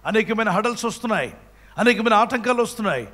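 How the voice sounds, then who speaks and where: A male preacher with a high voice delivers a fervent sermon at a brisk clip. He tells a parable and acts out its dialogue, and his voice rings with the long reverb of a hall. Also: expressive, sharp tone. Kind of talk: Telugu sermon with storytelling.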